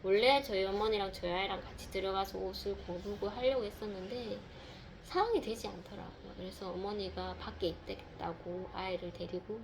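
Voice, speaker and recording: A woman's voice: mid-range voice, fairly quick, background noise. A mother telling a personal faith testimony, rambling, with many fillers and repeated words.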